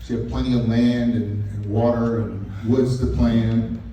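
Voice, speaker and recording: A man's voice: mid-range voice, steady tone, a little slow, warm tone. An older man giving a father of the bride speech in a folksy, wry and sentimental way. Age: 50s or older. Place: large echoing event room at a wedding reception. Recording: echoey, noisy room, distant mic.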